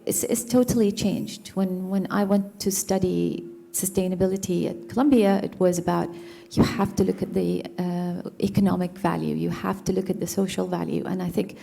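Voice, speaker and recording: A woman from Iraq speaks at a panel discussion in a measured way. Her voice is low and gravelly, with a flat melody and a dark, relaxed tone.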